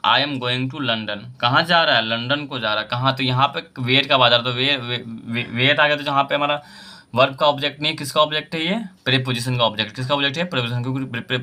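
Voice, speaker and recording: A man's voice: mid-range voice, pushed and bright. A young man teaching an English grammar lesson in Hindi, explaining step by step and asking himself questions over his examples.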